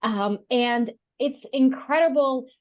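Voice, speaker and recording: A woman's voice: high-pitched, slow, darkish tone, dull audio. A woman co-hosting a podcast, speaking hesitantly with many you-knows and ums. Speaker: co-host. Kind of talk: casual podcast interview.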